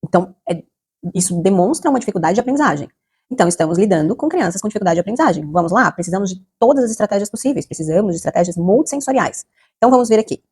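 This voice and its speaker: A woman's voice: mid-range voice, lively intonation, very fast, a little mellow, breathy edge. A woman with a Brazilian Portuguese accent explaining classroom literacy strategies to teachers, with frequent fillers and tag questions. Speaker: literacy educator. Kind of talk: instructional talk to teachers.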